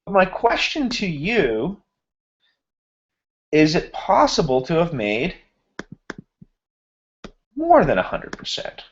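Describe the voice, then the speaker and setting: With a high voice and wildly swooping pitch, a man teaches a finance class over an online hangout, slowly thinking aloud as he formats cells in a screen-shared spreadsheet. He is losing his voice and clears his throat. The sound from his computer mic on the video call is lo-fi.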